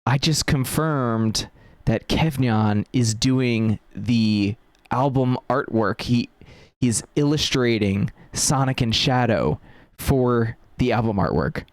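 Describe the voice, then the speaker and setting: A man's voice: medium pitch, slow pace, no room sound. A man hosting a casual chat, rambling with lots of fillers and restarts. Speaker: podcast host.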